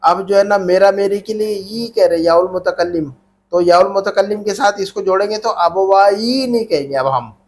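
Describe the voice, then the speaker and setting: A high-pitched male teacher speaks at normal speed during an Arabic grammar lesson. Patient and repetitive, he prompts his students to answer back in call-and-response style.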